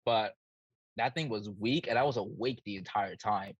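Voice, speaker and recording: A man's voice: on the low side, moderate pace, slightly rough, dry recording, muffled recording. Laughing man telling stories on a podcast. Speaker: guest co-host. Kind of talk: casual storytelling.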